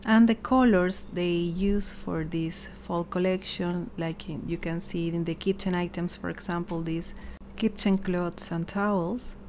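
In this casual haul chat, a woman who vlogs about home decor sits by a window in her home's dining room, showing off her finds. She speaks unhurriedly in a fairly low, fairly even voice, chatty and upbeat as she softly lingers on each piece, with slight background noise.

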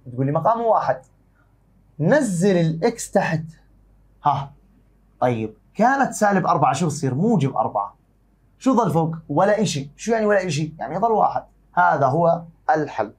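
A man with a Jordanian accent teaching an exam-prep math lesson, warmly calling his students dear and asking and answering his own questions. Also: a little high, sing-song, quick pace, husky. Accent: Jordanian Arabic.

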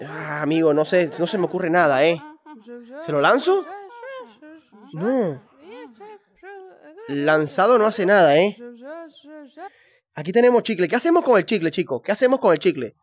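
Playful gamer woman, lively pitch. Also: normal speed, pauses often. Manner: playful, mischievous, talks to viewers as "chicos". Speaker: gaming channel host. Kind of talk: let's play commentary.

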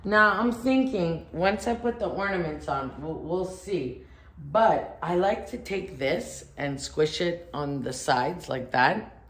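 A woman's voice: on the low side, animated, takes it slowly. A woman showing how she decorates, chatting to viewers with enthusiastic questions as she works. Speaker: home decor vlogger. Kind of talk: casual decorating tutorial. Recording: echoey room.

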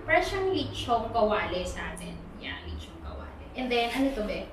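A woman's voice: a little high, very animated, brisk. A Filipino woman hosting a casual mukbang vlog, chatty and giggly, mixing English and Tagalog at a dinner table with friends. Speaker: vlog host. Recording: very echoey room, distant mic, background noise.

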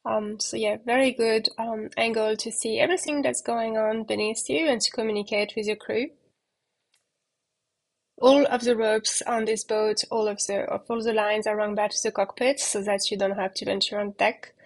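A woman in a middle register talks through a yacht tour outdoors on deck. She speaks easily and conversationally into a phone she carries as she walks, often pausing with ums and uhs. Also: a little high. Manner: relaxed, chatty, many fillers. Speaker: yacht broker giving a boat tour. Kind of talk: walking boat tour. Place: outdoors on a catamaran deck at anchor.

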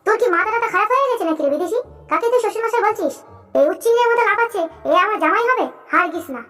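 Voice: high voice, fast, faint music behind. A performer voicing a bossy, scornful rich father in a cartoon, mocking and commanding. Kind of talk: cartoon voice acting.

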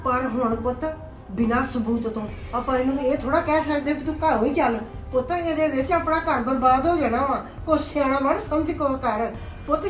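A woman's voice: sits high, natural voice. A woman as a patient Punjabi mother, heard from afar. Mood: coaxing. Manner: soothing, pleading advice. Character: patient middle-aged mother calming her angry son. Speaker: mother of the husband. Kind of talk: family drama acting. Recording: roomy sound from a distance, faint music.

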